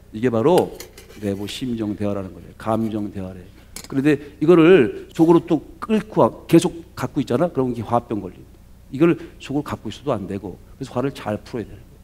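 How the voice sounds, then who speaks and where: Animated, chatty male pastor preaching. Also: medium pitch. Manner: animated conversational storytelling, tag questions. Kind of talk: sermon.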